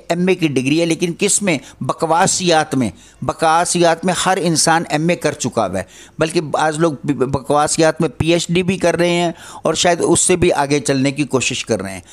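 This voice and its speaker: An older man giving an earnest religious lecture, admonishing his listeners and posing rhetorical questions. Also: fairly high pitch. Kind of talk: Islamic lecture on parenting.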